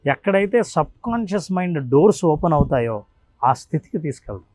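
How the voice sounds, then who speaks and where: Earnest man mentor explaining point by point outdoors, slightly high voice, dry sound. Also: big pitch swings, fairly quick, a little mellow, no echo. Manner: earnest, lists points one by one. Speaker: meditation mentor. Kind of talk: explanatory interview talk. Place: outdoors in nature.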